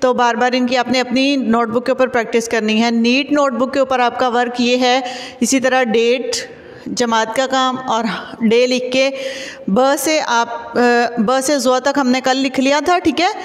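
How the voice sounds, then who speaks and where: A woman teacher with a Pakistani Urdu accent, sounding out letters and syllables slowly for young children in an online lesson. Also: high-pitched, fairly even intonation. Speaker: school teacher. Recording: echoey room with long reverb.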